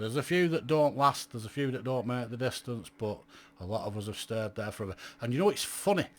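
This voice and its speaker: This is a casual vlog monologue from a middle-aged man from England, his voice medium in pitch and fairly bright in tone. Blunt and talkative, he wanders on about amateur radio and keeps putting questions to his viewers.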